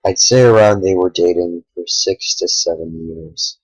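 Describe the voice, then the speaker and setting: A tired young man talking earnestly to the camera late at night, a small YouTuber speaking in halting sentences with sighs. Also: sits low, dry recording, rough recording. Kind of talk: sincere direct-to-camera talk.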